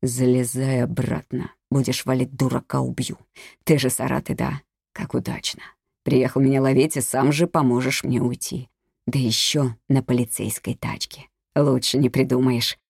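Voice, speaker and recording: Audiobook villain: reader plays a quiet, slow-talking male killer, dark tone, dry close sound. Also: mid-range voice, little pitch movement, creaky, husky, dry recording. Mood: menacing. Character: menacing adult male killer, coaxing and cold. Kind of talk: audiobook character reading.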